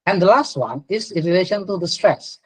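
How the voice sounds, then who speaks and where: A man's voice: high voice, animated, a little fast, breathy edge, poor audio. A middle-aged man with an Indonesian accent giving a university lecture, often repeating words and ending points with "yeah". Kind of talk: online class lecture.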